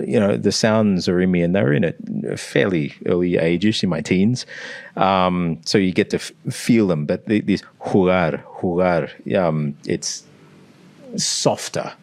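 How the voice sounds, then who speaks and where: Deep-voiced Australian man coaching pronunciation. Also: darkish tone, no echo, studio quality. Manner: demonstrates sounds, analytical. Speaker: language coach. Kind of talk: explaining pronunciation in a critique.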